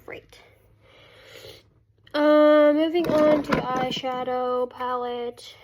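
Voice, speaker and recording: A woman vlogging casually as a beauty vlogger, congested with a cold and breathing through her mouth, talking in a halting, self-interrupting way. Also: high voice, muffled recording, background noise. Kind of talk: casual chat to camera.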